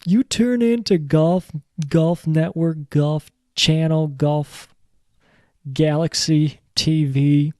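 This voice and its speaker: A man's voice: a little high, a little mellow, no room sound, studio quality. A man hosting his own show, rambling through a casual solo rant, joking around and swearing freely. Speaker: podcast host.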